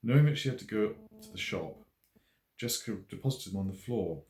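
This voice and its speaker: In a roomy recording where echo hangs around each word, a deep-voiced man narrates his own novel like an audiobook. He reads the scripted prose in a measured, expressive, literary manner.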